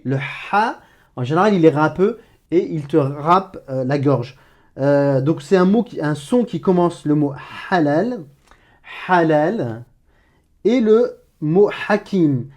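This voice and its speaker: A man's voice: on the high side, darkish tone. A man teaching Arabic pronunciation to beginners, patiently repeating sounds with frequent hesitations.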